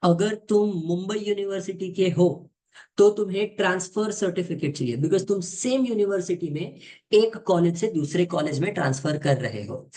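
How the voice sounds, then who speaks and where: A man's voice: high voice, normal speed, dark tone. A young man, giving an informal, direct lesson to viewers and switching between Hindi and as he explains. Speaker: exam coaching tutor.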